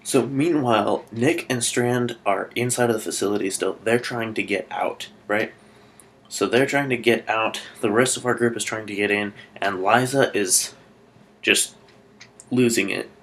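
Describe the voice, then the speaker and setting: A man from Alaska talking through a TV episode in a casual review vlog, rambling and excitable with lots of fillers and restarts. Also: lowish voice, a little slow, a little hiss or hum.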